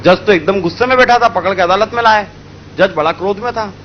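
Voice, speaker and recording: Guy from india telling a story, high voice, dull muffled recording, faint traffic behind. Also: fast talker. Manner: animated, acting out story characters. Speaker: spiritual speaker. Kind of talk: storytelling talk.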